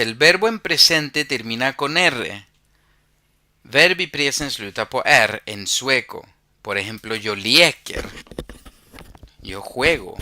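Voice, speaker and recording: A man teaches a language at an unhurried pace, drawing out each example so it can be repeated. His voice is bright and crisp. The recording is dry and close, with no room sound. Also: mid-range voice, dry recording. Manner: slow, deliberate, spells out words and pronunciation.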